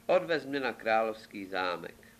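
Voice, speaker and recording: A man voicing a lazy, cheeky peasant lad in a storybook tale, drawling and unhurried. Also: lowish voice, big pitch swings.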